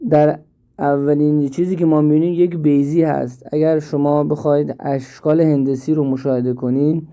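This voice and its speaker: A man teaching an app step by step, slowly and with repeats, in a screen-recorded tutorial. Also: on the high side, level tone, mellow, clean tone, dull audio. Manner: slow step-by-step explaining, repeats himself. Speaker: instructor.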